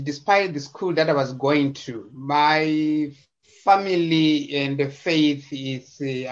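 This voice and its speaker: A man from Zimbabwe, a guest on a video call, talking in a casual, hesitant way with many repetitions and fillers. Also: fairly high pitch. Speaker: interview guest. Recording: slightly dull video-call audio.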